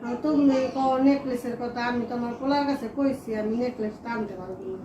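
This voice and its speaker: A woman's voice: on the high side, fairly quick, muffled recording, close to an everyday voice. A woman playing an ailing older mother home from abroad, pleading in rustic speech. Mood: sorrowful. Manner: plaintive, rustic dialect speech. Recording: echoey room, far from mic, faint noise.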